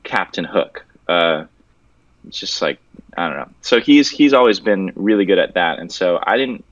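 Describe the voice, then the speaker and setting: A young man from Venezuela, talking casually and joking as a guest artist, loose and relaxed, with the odd swear word. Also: sits low, normal speed, no room sound. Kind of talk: casual interview chat. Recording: dull, dry audio.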